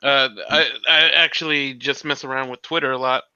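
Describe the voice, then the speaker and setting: A man's voice: mid-range voice, fairly even intonation, normal speed, bright, forceful tone, clear, resonant tone, dry recording. A man joining a casual stream as a guest cartoonist, joking and hesitant. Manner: joking, hesitant, laid-back. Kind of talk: casual chat. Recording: dry, dull lo-fi mic.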